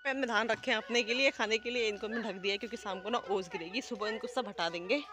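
A woman's voice: fairly high pitch, fast talker. Chatty Uttarakhandi woman vlogging farm life. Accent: Uttarakhand Hindi. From India. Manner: chatty, explains farm work step by step. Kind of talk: casual village vlog narration. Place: outdoors by rice fields and farmyard, then home kitchen. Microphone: phone camera, often held at arm's length.

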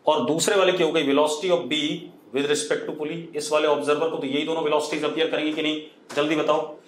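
A man's voice: a little high, flat delivery, brisk, a little hiss or hum. A man teaching a physics lesson live online, mixing Hindi and English, dictating phrases word by word and often checking that students follow. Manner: mixes Hindi and English, calls students "beta". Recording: echoey room.

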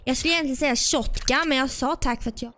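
A woman commentating her gameplay, excitable and shouting, calling out to a teammate. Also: high voice, a little hiss or hum.

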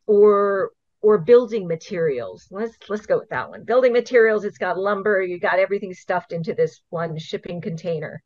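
Over a dull, dry video call from home, a middle-aged Hawaiian woman who manages an invasive species program gives casual interview answers. Her voice is medium-pitched, animated, and darkish at a moderate pace. She lays things out earnestly, step by step, with the occasional laugh.

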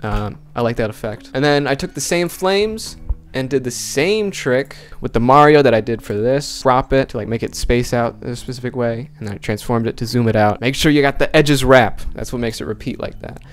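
A young Finnish-speaking video creator talks fast and with hardly any pauses in a mid-range voice, faint music playing behind him. Speaking close into a handheld dynamic mic in a small bedroom, he explains how he edited a video. It's a casual tutorial vlog, and he's chatty, jokey and animated.

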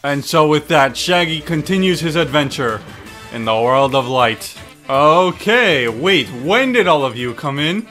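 A man giving excited, casual video game commentary, exclaiming and swearing freely as he plays. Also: a little high. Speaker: gaming streamer.

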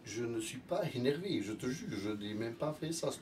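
A man's voice: medium pitch, moderate pace. A man with a Belgian French accent in a comic sketch, denying he is annoyed while his voice rises. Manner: insists he is calm while growing louder, ends shouting. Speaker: comedian in a sketch. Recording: distant mic with audience crowd noise.

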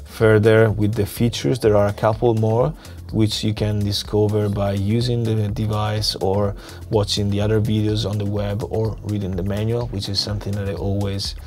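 Sick and losing his voice, a male music production tutor walks through software in a screen-captured lesson, clicking along while musing aloud in a relaxed manner. His voice is lowish and his pace moderate. The lapel mic picks up session music playing clearly underneath, and he's in a small, dim home studio.

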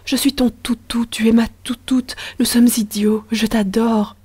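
A woman's voice: a little high, little pitch movement, a little slow, a little mellow, pitched above the performer's own voice. A woman whispering as a doting young husband. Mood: lovestruck. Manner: breathy lovestruck whispering.

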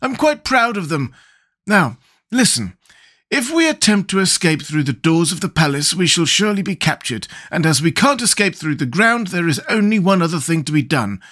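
A man voicing a whimsical straw scarecrow who speaks in a gentle, philosophical way. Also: high-pitched, sing-song, normal speed, pitched above the performer's own voice, heavily acted. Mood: pleased, explaining.

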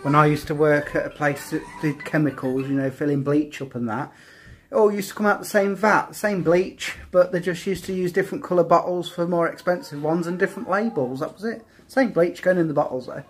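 Holding his phone at arm's length, a vlogger chats to viewers about feeding his children in a relaxed, meandering style around his small kitchen and living room. His somewhat high voice is brisk and steady in tone, and the low-quality recording picks up slight background noise.

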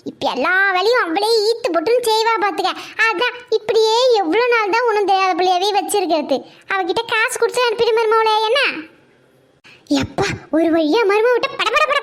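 A woman's voice: very high-pitched, noisy background. A woman with a rural Tamil Nadu accent playing a wily, bossy older mother-in-law in a comedy skit. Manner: wheedling, scheming.

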